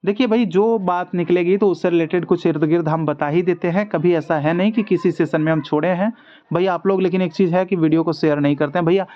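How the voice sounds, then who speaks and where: A man's voice: sits high, fast talker. A man teaching music theory in a casual video lesson, chatty and repetitive, talking to viewers like friends. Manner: chatty, addresses viewers as brother, repeats ठीक है. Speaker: online music exam tutor. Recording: dull lo-fi audio.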